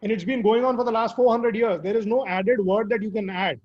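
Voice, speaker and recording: A man with a hoarse, squeaky voice from recent illness, answering interview questions earnestly and emphatically. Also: a little fast. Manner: earnest, emphatic advice with fillers. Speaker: guest speaker. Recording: dull lo-fi audio.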